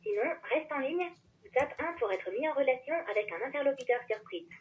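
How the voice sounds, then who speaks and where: A woman reading recorded phone menu prompts in a smooth, promotional tone. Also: high-pitched, expressive, fairly quick. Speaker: automated phone menu announcer. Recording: phone line.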